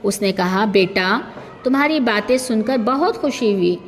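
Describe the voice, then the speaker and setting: A woman's voice: mid-range voice, a little slow, long reverb tail, slight background noise. A woman teacher telling a story to young children, acting out the characters and asking the class questions. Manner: lively, voices the characters and asks the class questions. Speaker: primary school teacher.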